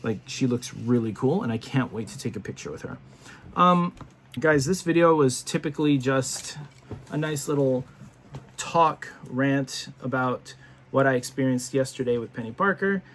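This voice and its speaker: A man's voice: mid-range voice, moderate pace, fairly bright tone, slight background noise. A man casually reviewing action figures to camera, chatty and rambling with lots of fillers and restarts, sounding tired and yawning. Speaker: toy reviewer.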